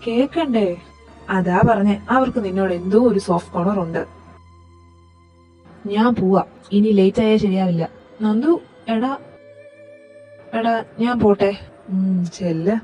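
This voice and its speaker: A woman performing every role in a fan audio drama, in a lively, teasing and quarrelsome way. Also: mid-range voice, a little slow, long pauses, faint music behind. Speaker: voice actor reading all parts.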